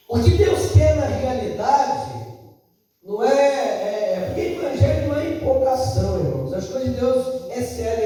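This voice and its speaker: A man's voice: very high-pitched, mellow, heavy reverb, in a large hall, recorded from a distance, poor audio. A male pastor with a Brazilian Portuguese accent preaching a sermon, telling a folksy story and acting out the people in it.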